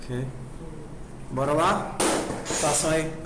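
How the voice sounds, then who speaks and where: Speaking slowly in a slightly high voice, a man gives an informal programming lecture in a classroom. He checks in with the class constantly, asking whether they're with him. The sound is roomy with faint noise in the background.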